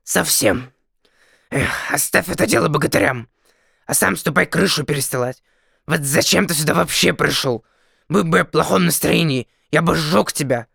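A sly, amused male dragon from a storybook, as a man puts him on, mocking the people he talks to in a lively, teasing way. The voice sits fairly high and has a gravelly edge. It sounds dry and close, with no room around it. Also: moderate pace, no room sound, exaggerated voice. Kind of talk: storybook reading.

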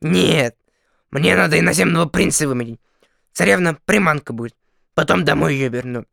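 A sly, amused male dragon from a storybook, as a man puts him on, mocking the people he talks to in a lively, teasing way. The voice sits fairly high and has a gravelly edge. It sounds dry and close, with no room around it. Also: moderate pace, no echo. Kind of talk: storybook reading.

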